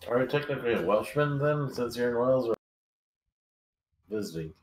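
A man's voice: mid-range voice, expressive, brisk, reverberant, a little hiss or hum, poor audio. A man playing in an online tabletop game, chatting and joking with the table. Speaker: player. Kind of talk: casual chat at a game table.

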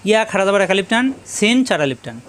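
A man teaching Quran letter pronunciation step by step, drilling each letter slowly and chanting drawn-out Arabic sounds. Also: sits high, animated, a bit bright. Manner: slow, drilling letter sounds one by one and repeating them.

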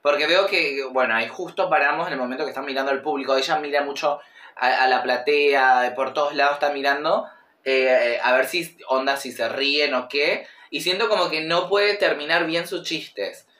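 A man's voice: on the high side, fairly even intonation, moderate pace, sharp tone, reverberant, distant mic. A man giving casual reaction commentary on a comedy routine, chatty and gushing.

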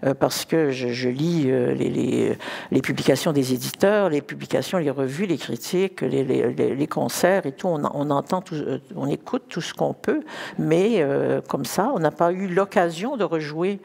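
Low-key creaky-voiced older woman. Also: moderate pace, a little mellow. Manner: hesitant, stop-start phrasing with repeated words. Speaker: conductor, ensemble director. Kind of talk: unscripted talk about music. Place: large concert hall stage, indoors. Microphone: headset.

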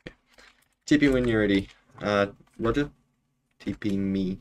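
On a gaming livestream, a young man with a fairly low voice and a broad New Zealand accent talks at normal speed in an easygoing, slangy, wandering manner. Background noise is clear, with keyboard typing and mouse clicks.

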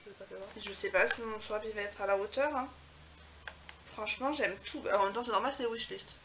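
A woman beauty vlogger chatting casually to camera as she unwraps gifts, gushing and filling pauses as she goes. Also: medium pitch, fairly even intonation, background noise. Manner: gushing, chatty, filler-heavy. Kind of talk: casual unboxing chat to camera.

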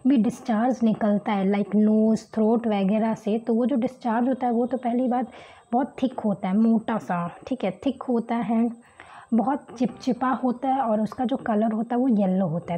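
A woman teaching homeopathy, slowly reading English terms from a book and explaining them in Hindi with frequent "okay"s. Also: a little high, mellow, slightly rough, rough recording. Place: indoors at a table, book and pen on camera.

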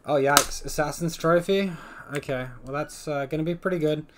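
A young man giving casual live commentary on his own card game match, thinking aloud about each play and swinging between groans and relieved excitement. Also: on the high side, moderate pace, noisy background.

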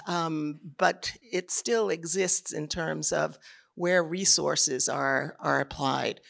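Male panelist, very gravelly, slightly higher voice, measured delivery with frequent restarts. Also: fairly bright tone. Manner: measured, frequent word repeats. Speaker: panelist, arts programmer. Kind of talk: conference panel talk.

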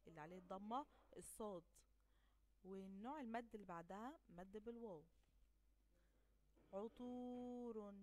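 Woman teacher, Egyptian accent, lesson for kids, drawn-out example words, mid-pitched voice. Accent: Egyptian Arabic. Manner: stretches out example words slowly and clearly; asks questions and answers them herself. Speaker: primary school teacher. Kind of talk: recorded classroom lesson.

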